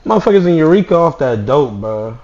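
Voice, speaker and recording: A man's voice: on the high side, sing-song, brisk, highs cut off, crowd noise. A young man and podcast co-host reacting with teasing exclamations in casual chat.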